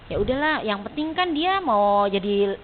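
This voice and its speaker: A woman's voice: medium pitch, animated, normal speed. A woman in a training class answering a question, explaining her point step by step. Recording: tinny lo-fi sound with faint noise.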